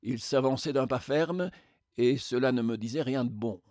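A man narrating an audiobook in a measured, literary reading. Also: mid-range voice, a little mellow, no echo, clean studio sound.

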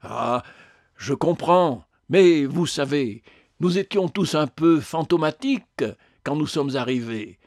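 A man voicing a calm, patient spirit. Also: fairly high pitch, dry recording, studio quality. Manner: calm, measured. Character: calm, patient male spirit, gentle but firm. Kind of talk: audiobook character voice.

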